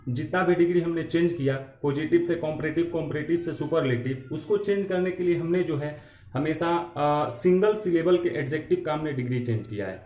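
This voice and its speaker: A man with a fairly high, mellow voice teaches grammar step by step. He explains patiently and says key terms twice. His voice rings in an echoey room. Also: brisk. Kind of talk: classroom lesson in Hindi.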